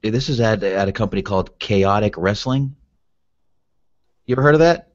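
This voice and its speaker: Low-voiced male co-host, relaxed and profane, over a dull dry home-podcast mic. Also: moderate pace, no echo. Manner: laid-back, swears freely. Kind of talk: casual chat.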